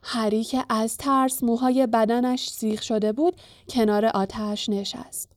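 A woman narrating a storybook in a calm, even reading voice. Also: a little high, no room sound, studio quality. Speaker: audiobook narrator.

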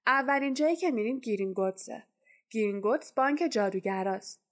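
A woman's voice: a little high, animated, lightly acted. A woman voicing a huge, good-natured male giant in a storybook reading, talking in a drowsy, easygoing, reassuring way.

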